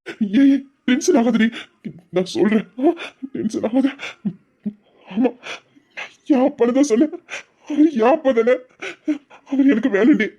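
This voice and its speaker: A man acting out remorseful young man, emotional, confessional, high voice, muffled recording. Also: measured pace, pauses often, warm tone, husky, exaggerated voice. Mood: urgent. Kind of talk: Tamil audio drama.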